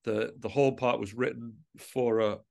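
A middle-aged musician, composer and writer talks as an interview guest in a conversational, thoughtful way, often hesitating and rephrasing. His mid-range voice is gravelly and darkish, with a steady tone and an unhurried pace.

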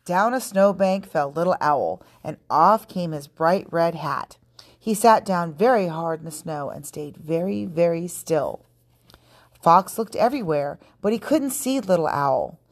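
Calm woman reading a storybook aloud. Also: lowish voice, a little slow. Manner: calm, clear, steady reading. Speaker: podcast host reading a children's book. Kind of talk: storybook read-aloud narration.

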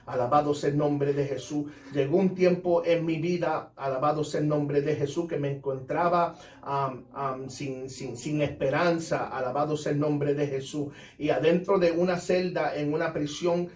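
A man's voice: fairly high pitch, darkish tone. A man, a pastor, giving a fervent testimony on a radio program and repeating praise phrases after nearly every sentence. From United States. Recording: roomy sound, distant mic.

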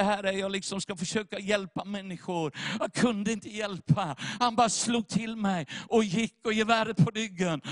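A man preaches with a high, carrying voice, recorded close and dry. He tells his story with feeling and rises into fervent appeals to the listeners. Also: no room sound. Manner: emotional storytelling, rising to impassioned appeals. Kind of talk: evangelistic sermon.

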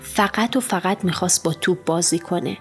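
A woman narrating a children's storybook in the first person as a schoolboy, with lively, expressive storytelling. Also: fairly low pitch. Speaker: audiobook narrator. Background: faint music.

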